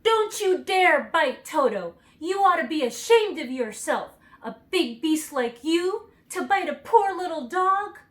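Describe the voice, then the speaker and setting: A woman's voice: high voice, lively intonation, a little slow, voice pushed up. A woman voicing a spirited, protective young girl while reading a children's storybook aloud. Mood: indignant.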